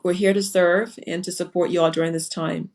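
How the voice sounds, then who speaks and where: An earnest, low-voiced woman from Liberia, a foundation founder appearing as a panel guest, speaks in casual panel talk on a live webinar. Her delivery is flat and brisk, earnest and reflective, with frequent fillers.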